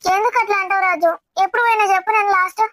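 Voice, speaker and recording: A woman playing a whiny, pleading young wife, very high voice. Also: steady tone, rapid-fire, a bit bright, dry recording. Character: young wife nagging her husband for a visit home. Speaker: actor in a family comedy drama. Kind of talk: amateur family drama acting.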